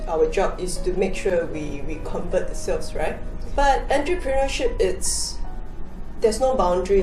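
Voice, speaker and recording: Woman cafe founder, lowish voice, measured, roomy distant sound with music behind. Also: dark tone. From Malaysia. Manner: measured, explains step by step with fillers. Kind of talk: interview answers.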